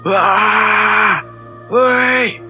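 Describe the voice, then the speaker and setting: A man voicing a frightened young male hiker who whines and stammers, with music playing behind. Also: very slow. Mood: screaming. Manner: stammering, high-pitched whining.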